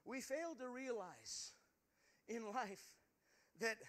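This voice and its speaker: A man's voice: extremely high pitch, lively intonation, slow pace, fairly bright tone. A male preacher giving an impassioned sermon in a church, earnest and stammering over repeated words. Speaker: preacher, pastor.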